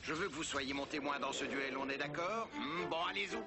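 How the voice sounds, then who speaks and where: Actor as commanding man, indignant, a touch high-pitched, telenovela dub, loud music behind. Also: brisk, natural voice. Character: indignant, commanding male duel challenger. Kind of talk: French-dubbed telenovela comedy acting. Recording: loud music over dialogue.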